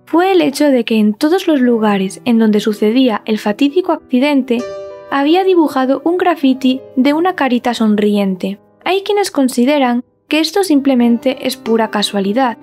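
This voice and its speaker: A woman's voice: sits high, a little mellow. A woman reading a scripted true-crime narration.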